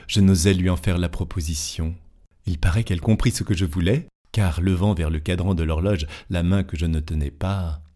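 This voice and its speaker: Deep-voiced man reading a classic tale. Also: dark tone. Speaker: narrator.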